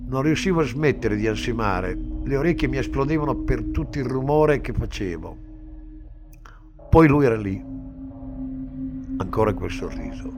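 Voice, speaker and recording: A man reading a dark story aloud in a slow, somber dramatic manner. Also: mid-range voice, animated. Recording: music bed under the reading. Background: music underneath.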